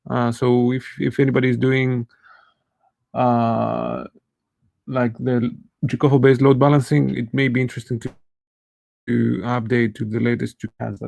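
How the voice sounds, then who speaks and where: Guy with a gravelly mellow voice giving a dev update, flat delivery, dry sound. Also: medium pitch, unhurried, pauses often, no room sound. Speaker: developer on the team. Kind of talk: casual update on a video call.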